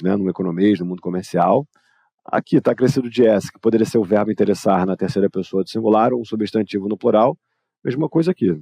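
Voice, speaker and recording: Gravelly, low-voiced Brazilian man teaching. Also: dark tone, no room sound. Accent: Brazilian Portuguese. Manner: explanatory, informal, addresses students directly. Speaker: English teacher. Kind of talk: live online grammar lesson.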